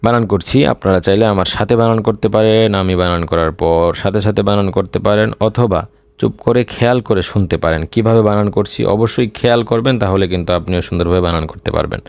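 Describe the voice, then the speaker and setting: A man teaching Quran reading, spelling out syllables one by one and then reciting them slowly, with a Bangladeshi Bengali accent. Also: fairly low pitch, darkish tone, smooth, no room sound.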